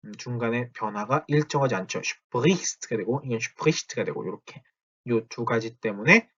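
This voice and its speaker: A man teaching a German grammar lesson, drawing out German example sentences slowly between explanations. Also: mid-range voice, muffled recording, noisy background. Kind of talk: spoken grammar lesson at a whiteboard.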